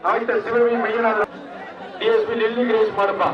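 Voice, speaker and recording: A man with a very high, strained voice calls out over a loudspeaker at an outdoor arena. His words bounce around with heavy echo and come from far away through a dull, muffled sound. Behind him, a large crowd roars without a break. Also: moderate pace, background noise. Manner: excited cheering mixed with formal honorific announcements. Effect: loudspeaker public address. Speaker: event announcer. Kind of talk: live event announcing over a loudspeaker.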